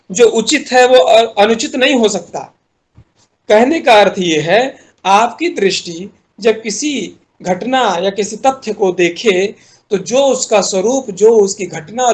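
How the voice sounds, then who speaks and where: A man with an Indian accent giving a classroom lecture as a university teacher, explaining step by step and putting questions to his students. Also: sits high.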